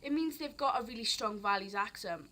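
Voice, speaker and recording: This teenage vlogger has a fairly high, sharp-toned voice and a brisk pace. In an unscripted, expressive rant she wanders between thoughts, speaking with a South Wales accent from Barry that's tinged with English.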